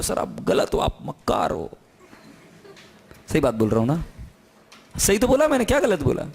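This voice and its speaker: A man teaching an accounting class, lecturing in a classroom and constantly asking his students questions. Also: high voice. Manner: lively, coaxing questions to students.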